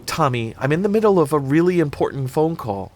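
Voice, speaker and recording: A man's voice: a little high, animated, a little fast, pitched above the performer's own voice, close to an everyday voice. A man reading aloud and voicing an anxious, earnest teenage girl babysitter. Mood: hurried. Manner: flustered, earnest.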